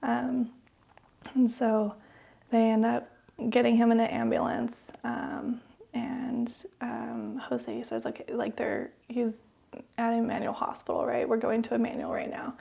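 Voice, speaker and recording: A young woman co-hosting a podcast, telling a personal story haltingly with many fillers, sometimes dropping to a whisper. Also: a little high, flat delivery, gravelly, warm tone. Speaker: podcast co-host.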